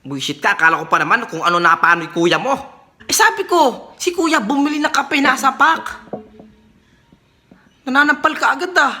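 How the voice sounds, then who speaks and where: A woman performing comedy sketches, switching between characters and often shouting and laughing. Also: high-pitched, lively intonation, normal speed, long pauses. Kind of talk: one-person comedy skits, playing every role.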